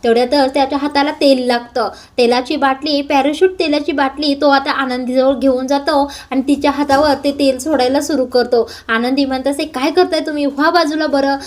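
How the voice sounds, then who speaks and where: A woman narrating a serial episode recap in a casual, steady storytelling manner. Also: sits high, fairly quick, hardly any pauses. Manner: plain, steady retelling.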